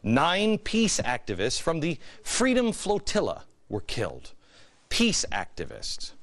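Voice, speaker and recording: American guy doing political commentary, kinda high voice, super animated up and down, sarcastic, keeps repeating stuff and asking rhetorical questions. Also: unhurried. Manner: sarcastic, mock-innocent; repeats phrases and asks pointed rhetorical questions. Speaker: political commentary show host. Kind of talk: political monologue commentary to audience.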